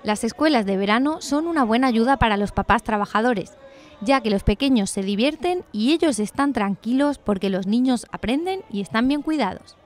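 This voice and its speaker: A woman with a Chilean accent reading a scripted news report in an even, measured way. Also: on the high side.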